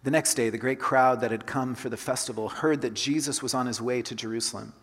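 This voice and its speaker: A man's voice: mid-range voice, fairly even intonation, a little fast, husky. A pastor who grew up in Colombia gives a conversational sermon, repeating his key phrases for emphasis. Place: church sanctuary. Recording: long hall reverb.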